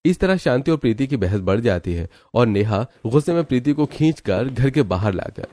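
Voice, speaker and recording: A man narrating a cartoon story in a steady, matter-of-fact way. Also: medium pitch, normal speed, slight background noise.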